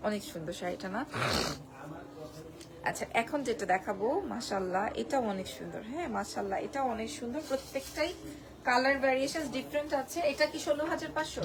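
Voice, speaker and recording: A hoarse woman presenting a live-stream sari sale from Bangladesh, gushing over each piece and repeating prices and discounts. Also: fairly high pitch, fast talker, background noise. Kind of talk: live-stream sales pitch.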